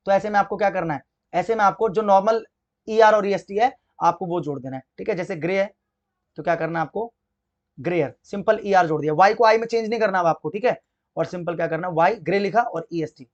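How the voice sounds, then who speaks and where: A man's voice: high-pitched, highs cut off. Hindi-accented male English teacher. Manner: asks questions then answers them, spells words out slowly. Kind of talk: exam-prep grammar lesson.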